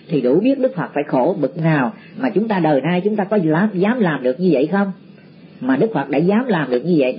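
A man giving a Buddhist dharma talk to disciples. He teaches slowly and repeats words as he searches for them. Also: high voice. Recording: muffled lo-fi recording with faint background noise.

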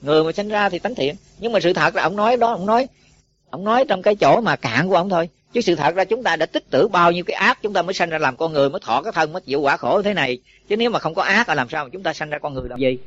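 A man's voice: sits high, expressive, very fast, fairly bright tone. A man, a Buddhist monk teacher giving a folksy dharma talk to monks, often asking them questions. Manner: folksy, asks listeners questions. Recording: dull lo-fi recording.

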